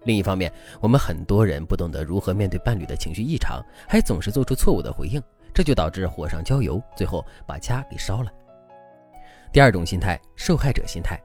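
A man hosting a relationship advice podcast, telling a story in an animated, dramatic way, with faint music behind. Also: low voice, fairly quick.

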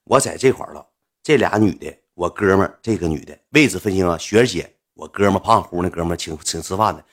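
A young man with a Northeastern Mandarin accent telling a casual, animated story and acting out the people in it. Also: low voice, quick pace.

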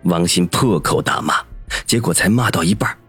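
A man narrating a story with steady storytelling in an audiobook. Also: low voice, moderate pace, soft background music. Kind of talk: scripted narration.

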